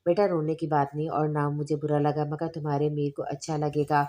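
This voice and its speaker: Soft motherly older lady, as a woman reads her, low flat voice, quick. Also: lightly acted. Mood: gentle. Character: older mother, gentle and affectionate.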